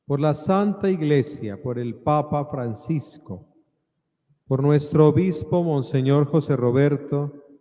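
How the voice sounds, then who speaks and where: A male priest speaks solemn liturgical words in a mellow voice. His phrases come slowly, set apart by deliberate pauses. Each one rings out in a long cathedral-like echo. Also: on the high side. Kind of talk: solemn liturgical prayer and preaching. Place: large reverberant church.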